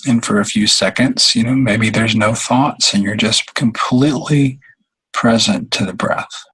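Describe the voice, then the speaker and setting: Leading a guided meditation, a man speaks in a fairly low, husky voice, very slowly, with long pauses and frequent mid-phrase halts. Despite the unhurried pace his tone is bright and forward, and the recording is rough.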